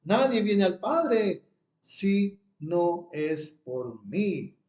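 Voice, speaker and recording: A man's voice: high-pitched, sing-song, extremely slow, a little mellow. A man preaching a sermon and reading Bible verses, emphatic and repeating his key phrases. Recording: echoey room, dull lo-fi sound.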